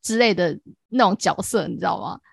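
A woman's voice: fairly low pitch, animated, a little fast, vocal fry, slightly rough, dry recording, clean studio sound. A woman co-hosting a podcast, teasing and giggling in casual chat. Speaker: podcast co-host.

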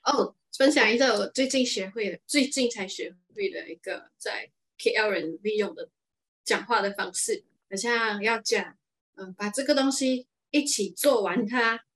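A woman's voice: medium pitch, moderate pace, fairly bright tone. A Malaysian woman co-hosting a podcast, chatting casually and giggling between remarks. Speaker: podcast co-host. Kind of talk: casual chat.

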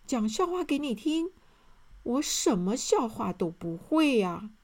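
A woman's voice: fairly high pitch, very animated, measured pace, darkish tone, voice pushed up, heavily acted. A woman voicing a proud man in a children's storybook, talking in a boastful, easily flustered manner. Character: proud man thought to be the cleverest.

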